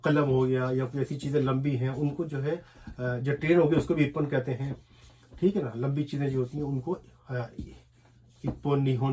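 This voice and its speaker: A man with an Urdu accent teaching a language lesson, explaining as he writes and repeating each word slowly, syllable by syllable. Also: mid-range voice, warm tone. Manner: repetitive, drills words slowly one syllable at a time. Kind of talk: explaining a lesson while writing on a board.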